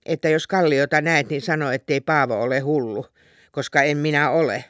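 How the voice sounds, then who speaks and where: A man's voice: a little high, fairly even intonation, a bit bright, no room sound, studio quality, close to an everyday voice. A man reading a story aloud and voicing an older rural husband who talks in long, earnest, rambling turns.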